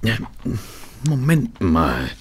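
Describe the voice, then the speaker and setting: An actor playing a mild, bemused gentleman doctor, a detective's companion in an audio drama, hesitant and polite. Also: lowish voice, wildly swooping pitch, very slow, slight background noise, heavily acted. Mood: puzzled. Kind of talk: German audio drama acting.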